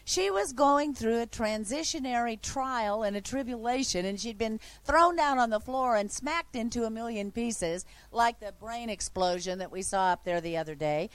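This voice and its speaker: A woman preacher telling a testimony in a sermon, animated, moving from hushed to loud and excited. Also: on the high side, normal speed, hardly any pauses, dry recording.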